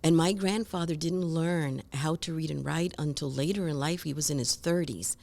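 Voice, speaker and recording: A woman from Rico, a guest telling lively stories in an interview and acting out other people's voices. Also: deep voice, normal speed, vocal fry. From Puerto Rico. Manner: animated, acts out voices and accents in stories. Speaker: guest speaker. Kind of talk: conversational interview storytelling.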